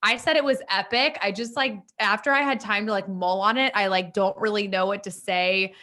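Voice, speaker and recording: A young woman co-hosting a casual sports podcast, chatty and animated, peppering her talk with "like". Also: medium pitch, moderate pace. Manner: chatty, heavy use of "like", animated. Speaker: podcast co-host.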